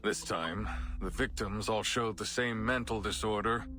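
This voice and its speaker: An actor playing a stern male deputy police chief in a game, speaking in a firm, measured, authoritative way. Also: lowish voice, steady tone, sharp tone, soft background music. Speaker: game character voice. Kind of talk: voiced game dialogue.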